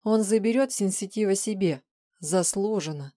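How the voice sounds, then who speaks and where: A woman's voice: medium pitch, normal speed, warm tone, dry recording, studio quality, lightly acted. A woman reading an audiobook, voicing a smug, scheming older man who talks indulgently. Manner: pleased, indulgent.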